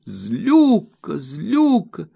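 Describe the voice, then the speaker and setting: A man's voice: wildly swooping pitch, drawn-out words, gravelly, warm tone, breathy edge, no echo, studio quality, heavily acted. A man putting on a childish, pouting young wife. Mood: whiny. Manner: high, whiny, coaxing.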